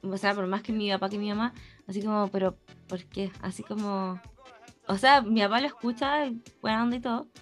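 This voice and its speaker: A woman's voice: medium pitch, fairly even intonation, fairly quick, faint music behind. A young woman with a Chilean accent, chatting casually as a podcast co-host, slangy and prone to tangents. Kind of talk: casual chat.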